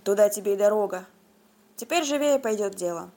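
A woman's voice: medium pitch, expressive, fairly quick, mellow. A woman voicing a stubborn, grumbling old village grandfather who exclaims and mutters to himself.

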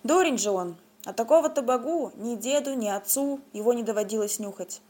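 A woman's voice: on the high side, expressive, brisk, warm tone, breathy edge. A woman voicing a stubborn, grumbling old village grandfather who exclaims and mutters to himself.

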